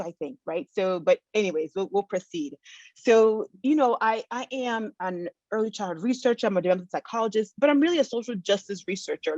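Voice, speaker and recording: A woman's voice: fairly low pitch, dry recording. A woman from the United States giving a conference keynote over a video call from home, earnest, with many fillers and restarts. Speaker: keynote speaker. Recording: dull, dry, lo-fi video call audio.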